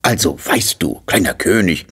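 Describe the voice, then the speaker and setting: A man narrating a children's cartoon story in a gentle, coaxing way, speaking to the little hero. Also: low-pitched, animated, normal speed. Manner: gentle, coaxing, talks to the figure.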